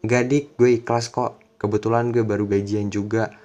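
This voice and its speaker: A man voicing a blunt, cool young male schoolmate, slangy and gruff. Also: fairly low pitch, flat delivery, moderate pace, a little mellow, dull audio, lightly acted. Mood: plain. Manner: gruff then coaxing, slangy.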